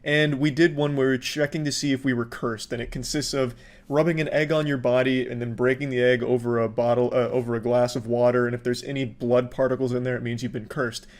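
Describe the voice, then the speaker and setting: A man's voice: medium pitch, flat delivery, a little fast. A man talking casually to camera as a content creator, blunt, profane and exasperated.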